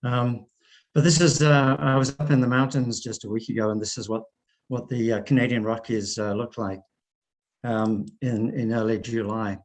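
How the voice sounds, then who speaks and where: Croaky, hoarse older man presenting. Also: mid-range voice, steady tone, poor audio. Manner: halting, often repeats and breaks off words. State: hoarse from wildfire smoke and asthma. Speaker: research scientist and clinical pathologist, invited speaker. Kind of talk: conference presentation. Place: remote online presentation by screen share. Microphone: video call microphone.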